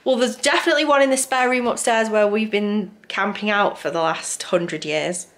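A woman's voice: mid-range voice, normal speed, fairly bright tone. A young woman from the UK chatting casually at home, giggling often as she hosts a family quiz. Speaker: vlogger and quiz hostess. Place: home during lockdown.

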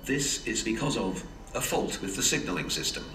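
A man making measured train announcements, heard over a station public address loudspeaker on a railway platform. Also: fairly low pitch, recorded from a distance. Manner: measured, even announcing delivery. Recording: echoey loudspeaker heard from afar, noisy.

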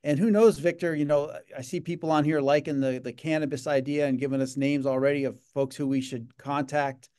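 A middle-aged man who runs a gaming association does a casual video-call interview from his home office, recorded by a webcam, rambling with frequent fillers and repeated words. His smooth, mellow voice is on the high side and steady in tone, and he speaks fairly quickly with hardly any pauses.

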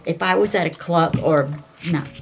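A woman's voice: lowish voice, moderate pace, creaky. An older woman with a grandmotherly old woman's voice, chatting casually and unscripted as she gives her reactions. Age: older, 60s or over. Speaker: reaction video co-host. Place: small indoor room, seated.

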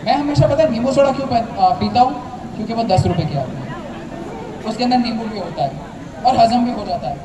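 A young man telling an animated stand-up comedy story, acting out his family members. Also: very high voice, brisk. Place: large tented college hall with a seated crowd. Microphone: handheld mic, filmed from far back in the audience. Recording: distant echoey hall with crowd noise. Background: audience laughter and chatter.

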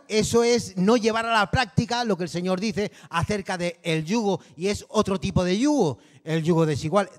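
Canarian pastor guy preaching, high voice, chatty, keeps asking the crowd stuff, big reverby hall. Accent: Canary Islands Spanish. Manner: conversational preaching, peppered with rhetorical tags. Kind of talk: sermon.

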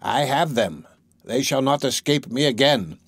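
A man's voice: medium pitch, lively intonation, a little slow, slightly rough, no room sound. A man voicing a cruel, mocking old female witch in a storybook reading, raising his voice for her. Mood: gloating. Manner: mocking, gloating storybook villain voice.

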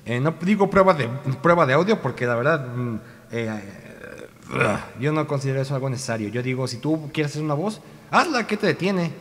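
A man's voice: on the high side, expressive, a little fast, fairly bright tone, in a large hall. A young man with a Mexican Spanish accent, an amateur voice actor rambling in a casual, self-correcting vlog chat on a cheap home microphone.

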